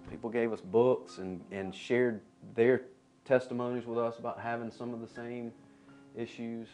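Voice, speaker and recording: A man sharing an earnest personal testimony, halting and restarting as he goes. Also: medium pitch, a little mellow.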